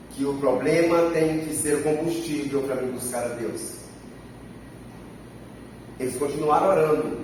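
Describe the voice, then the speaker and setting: A man's voice: fairly high pitch, a little mellow. A man with a Brazilian Portuguese accent preaching a sermon, emphatic and repeating his phrases. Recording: echoey church from a distance, faint noise.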